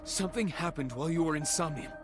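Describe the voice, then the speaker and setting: A male actor as a serious video game colleague who delivers grim news carefully. His voice sits a little high for a man, measured and hesitant, with music clearly behind it. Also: lightly acted. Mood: grave, careful.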